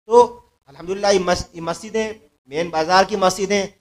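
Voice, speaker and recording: A man preaching a sermon to a mosque gathering, telling a moral story earnestly, repeating phrases and letting his voice swell louder at key points. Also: high voice, steady tone. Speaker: mufti giving a religious talk.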